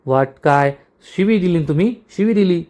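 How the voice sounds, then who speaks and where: A feisty young wife in a TV serial recap, teasing and quick with a comeback. A man speaks her lines in his own slightly high voice. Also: expressive, a little mellow. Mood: bantering. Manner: bantering, teasing.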